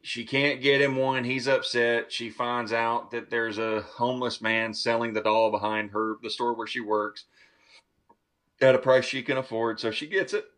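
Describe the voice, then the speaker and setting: A man hosting a movie podcast talks through a horror film with loose, excited energy, swearing freely as he goes. His voice sits at an ordinary middle pitch, relaxed and conversational, like someone chatting with a friend across the table. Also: normal speed. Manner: enthusiastic, profane, retells scenes. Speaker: podcast host. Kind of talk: casual movie review chat.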